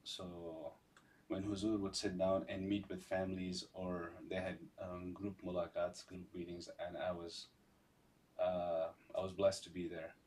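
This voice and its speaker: A man recounting personal memories in a halting, conversational way, often repeating phrases. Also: low voice, level tone, darkish tone, far from the mic, rough recording. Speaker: podcast guest.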